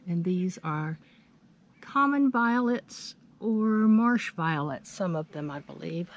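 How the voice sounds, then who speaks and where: Slow-talking American woman giving a garden tour. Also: lowish voice, animated. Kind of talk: unscripted, informative tour narration. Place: outdoors in a home front garden. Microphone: handheld camera's built-in mic. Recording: outdoor handheld recording with ambient noise.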